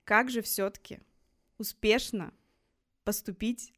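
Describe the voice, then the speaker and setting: Женщина, ведущая непринуждённого подкаста. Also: female voice, medium pitch, steady tone, takes it slowly, pushed and bright. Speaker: podcast host. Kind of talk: casual interview.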